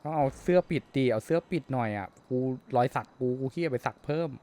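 A man's voice: medium pitch, quick pace, warm tone. A man in casual, profane gaming chat, speaking bluntly in crude slang as he streams over game ambience.

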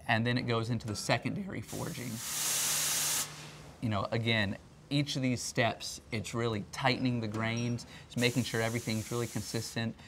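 A man in his thirties from a company's R&D department presents a factory tour in a chatty, explanatory promotional style. His mid-range voice is fairly bright, and the recording carries background music plus a little hiss or hum.

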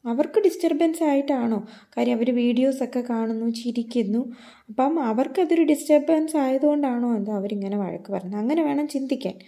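Young woman vlogger telling her story, high voice with some fry, earnest and detailed. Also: brisk, warm tone. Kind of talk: personal storytelling vlog.

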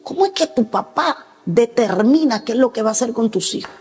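Middle-aged lady pastor preaching hard, kinda high voice, jumps to shouting. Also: animated, fairly quick, big-room sound. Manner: emphatic preaching, sudden high shouts and acted quotes. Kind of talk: sermon.

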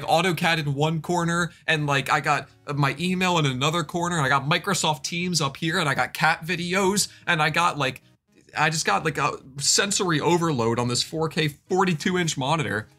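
A young man in his twenties streams live, chatting and rambling casually and thanking chat by name. His voice is a little high, pushed and bright, and allergies have left him with a stuffy nose.

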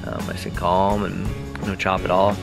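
A man in his thirties talking casually to an arm's-length camera on a sailboat, relaxed and rambling with lots of ums. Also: low-pitched, moderate pace, creaky. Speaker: sailing vlogger. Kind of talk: casual vlog narration. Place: sailboat at sea, outdoors and in cabin. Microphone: handheld action camera at arm's length. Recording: background music over outdoor audio. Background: music.

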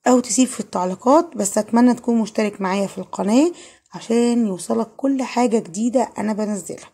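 Egyptian woman teacher, fairly high husky voice, patient explainer. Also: quick pace, mellow. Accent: Egyptian Arabic. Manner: patient, asks and answers her own questions. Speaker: French teacher. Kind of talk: online lesson explaining grammar.

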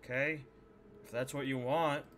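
A man's voice: medium pitch, fairly even intonation, normal speed, a bit bright, a little hiss or hum. A young adult man giving casual, joking, sweary gameplay commentary as a streamer at home. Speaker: gaming streamer. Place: indoor room at home. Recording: game audio and clicks behind voice.

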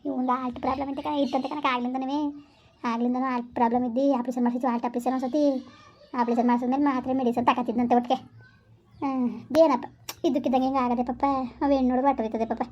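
A woman playing a sharp-tongued middle-aged village woman who sighs and gossips. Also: sits high, flat delivery, very fast, highs cut off. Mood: pitying. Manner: sighing, lamenting, gossipy.

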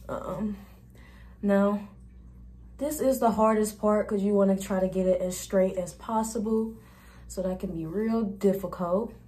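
A woman's voice: medium pitch, fairly even intonation, measured pace, warm tone. A young woman vlogger talking viewers through a hair tutorial in a casual, chatty, informal way. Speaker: beauty vlogger.

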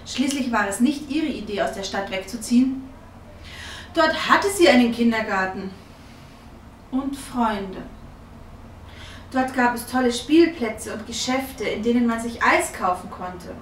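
A woman reading a storybook aloud for young children, lively and expressive, in an echoey room from a distance. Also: a little high, measured pace, pauses often, slight background noise. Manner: lively, expressive, voices the characters. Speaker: children's book reader.

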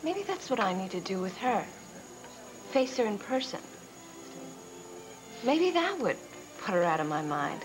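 A young actress playing an insecure wife in a TV soap, speaking quietly and wistfully. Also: female voice, mid-range voice, sing-song, unhurried, long pauses, noisy background. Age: young adult. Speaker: soap opera character Trisha. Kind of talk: 1990s TV soap acting. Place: indoor studio set, dining room. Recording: soap soundtrack with music underneath.

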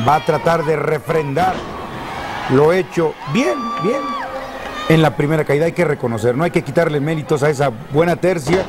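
High-pitched Mexican male wrestling commentator. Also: normal speed. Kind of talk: play-by-play lucha libre commentary. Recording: noisy old TV broadcast, crowd roaring behind. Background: loud arena crowd.

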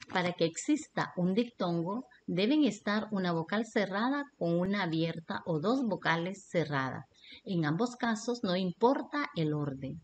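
A woman with a Honduran Spanish accent reads a scripted lesson as a teacher. She takes it very slowly and spells out each list and example with deliberate care. A faint hiss runs under her voice. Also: mid-range voice, darkish tone. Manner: slow, deliberate reading of lists and examples.

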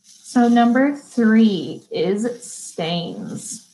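A young woman teaching an online beauty school lesson, reading definitions slowly and chatting between them with easy laughs. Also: on the high side, animated, warm tone, poor audio. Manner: chatty, laughs easily, stumbles and restarts; reads definitions slowly, then chats. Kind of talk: live online vocabulary lesson.

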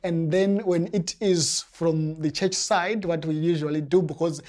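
A young man from Zimbabwe with a Zimbabwean accent, answering interview questions carefully with pauses and restarts, on a lapel mic in a small studio. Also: fairly high pitch, steady tone, a little mellow. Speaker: interview guest, church member. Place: small indoor studio set.

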